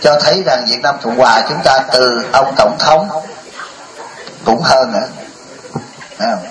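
A man's voice: mid-range voice, a little slow, fairly bright tone, roomy sound, poor audio. A man, a Buddhist monk teacher, giving a dharma talk that mixes humor with lecturing and speaks straight to the audience. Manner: addresses the audience directly, mixes jokes with lecture.

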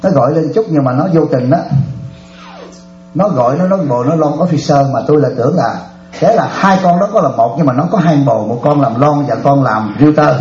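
A man's voice: mid-range voice, roomy sound, lo-fi sound. A Buddhist monk, animatedly telling stories in a dharma talk and often laughing with his audience. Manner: animated storyteller, often laughing, addresses listeners directly.

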